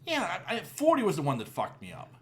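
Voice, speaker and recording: Here the same kind of rambling, casual podcast chat comes from a Pittsburgh-area man in his forties, full of fillers, restarts and cursing. He talks fast, with a high-pitched, fairly bright voice whose pitch swoops wildly.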